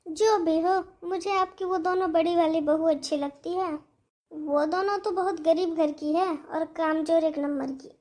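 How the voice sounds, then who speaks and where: A woman's voice: very high-pitched, fairly even intonation, unhurried, darkish tone. A woman voicing a gossiping, nosy female neighbour in a cartoon story, speaking in a confiding tone. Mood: gossipy.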